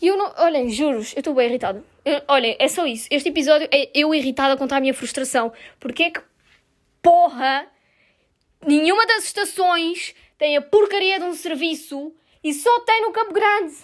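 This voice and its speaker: A woman's voice: sits high, a little fast. A young woman with a European Portuguese accent hosting a casual podcast, venting her frustration with swearing and sarcasm. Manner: exasperated, swears a lot, sarcastic. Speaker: podcast host.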